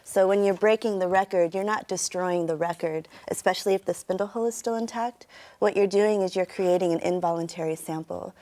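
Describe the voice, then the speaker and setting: A woman's voice: lowish voice, steady tone, brisk, mellow. A middle-aged woman with a standard American accent, answering interview questions in a reflective, explanatory way. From United States. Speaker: interview guest, turntablist and sound artist.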